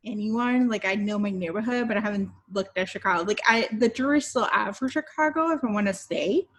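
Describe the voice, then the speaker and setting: A woman podcast host from Puerto Rico talks in a mid-pitched voice. She chats casually and rambles, filling her talk with "like" and "I don't know". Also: brisk, a bit bright. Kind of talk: casual interview chat.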